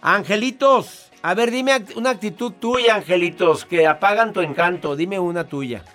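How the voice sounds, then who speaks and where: A man's voice: high-pitched, moderate pace, a bit bright, faint music behind. A man hosting a radio advice show, teasing listeners in a playful, joking way. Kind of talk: casual radio talk.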